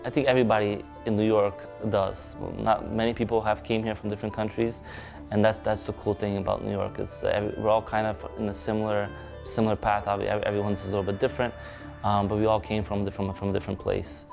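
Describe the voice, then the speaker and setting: In a documentary interview, a young Polish man who is a police officer and boxing manager speaks earnestly but haltingly, restarting often, in a Polish accent. His fairly low, level voice is gravelly and heard over music.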